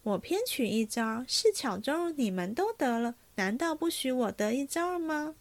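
A woman voicing a sharp-tongued, proud young maid who speaks with scornful indignation. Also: high voice, sing-song, normal speed. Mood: mocking.

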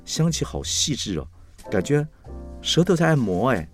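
A man's voice: mid-range voice, big pitch swings, moderate pace, faint music behind, voice pushed up, natural voice. A man putting on a gushing dreamy young woman. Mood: tender. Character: young woman, dreamy food-loving girlfriend.

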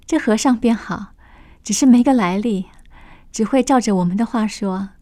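Gossipy female demon servants, as a woman storyteller puts them on, coaxing and a little high. Close, dry radio-story sound. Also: moderate pace, mellow, no echo, natural voice. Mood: amused. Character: two scheming female demon water-carriers.

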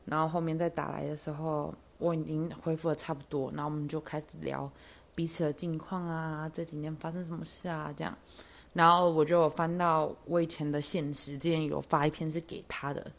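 A woman's voice: low-pitched, creaky. A young woman, hosting a podcast and chatting through a personal story with lots of fillers. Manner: chatty, lots of fillers, animated when excited. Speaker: podcast host.

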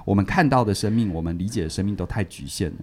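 A man with a fairly low voice talks quickly as a podcast co-host reviewing a book. He retells one of its stories casually and animatedly, repeating words and laughing as he goes.

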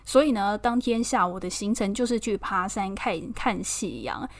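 A woman's voice: mid-range voice, normal speed. A woman from Taiwan with a Taiwanese Mandarin accent, chatting casually and expressively as a podcast host, laughing often. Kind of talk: casual personal chat.

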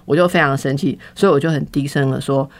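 A woman telling a personal story in casual podcast chat, candid and animated, acting out the quoted lines. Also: extremely low pitch, quick pace.

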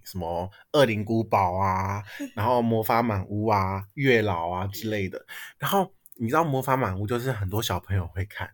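A young man with a Taiwanese Mandarin accent, hosting a casual podcast chat and complaining with lots of laughter. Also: on the low side. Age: young adult. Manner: animated, complaining, frequent laughter. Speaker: podcast host.

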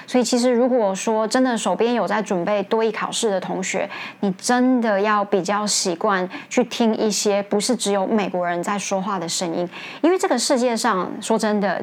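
A woman teacher, hosting an English lesson in a chatty, casual way, often laughing and jumping up in pitch to stress points.

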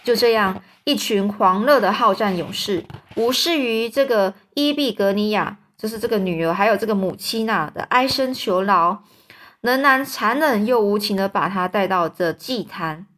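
A woman's voice: medium pitch, normal speed, fairly bright tone. A woman narrating a storybook aloud, often rephrasing and explaining in plain words with fillers.

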